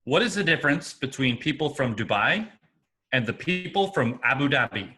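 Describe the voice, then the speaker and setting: A man telling dad jokes in a joke battle, with slow, deliberate setups and punchlines. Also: medium pitch, lively intonation, pushed and bright, faint music behind.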